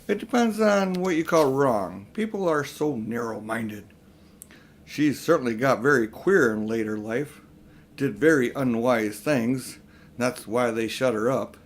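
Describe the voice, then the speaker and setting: An older male reader voices a pompous old magician uncle for a storybook, sounding grandiose and condescending as he talks down to others. His pitch swings in a lively way, his pace is a little slow, and the mood is smug and confiding.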